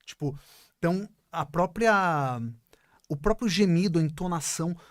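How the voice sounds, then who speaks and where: A man's voice: high-pitched, moderate pace, no echo, studio quality. A man speaking as a guest in a casual podcast conversation, explaining things emphatically and often checking that the listener follows. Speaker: podcast guest, business partner.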